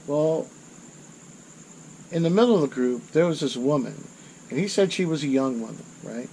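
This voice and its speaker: A man's voice: fairly high pitch, expressive, normal speed, creaky, warm tone, slight background noise, low-quality recording. A middle-aged man telling a war story in a rambling, self-correcting way. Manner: rambling, self-correcting, rises in intensity at dramatic moments. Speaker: channel host. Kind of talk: casual storytelling monologue.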